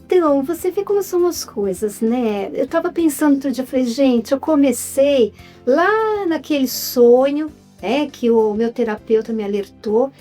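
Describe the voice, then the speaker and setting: A woman with a Brazilian accent, a writer and actress appearing as an interview guest, tells stories in a casual, conversational way. Her voice is high-pitched and animated yet dark in tone, at normal speed, with faint music in the background. She sounds reflective and often checks in with the listener.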